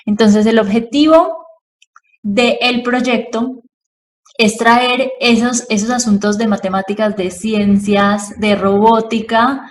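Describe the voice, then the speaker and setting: A woman's voice: on the high side, fairly even intonation, slow pace, recorded from a distance. A woman hosting an interview podcast, friendly and encouraging, often affirming with short murmurs. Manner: friendly, frequent affirming "ujú". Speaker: podcast host.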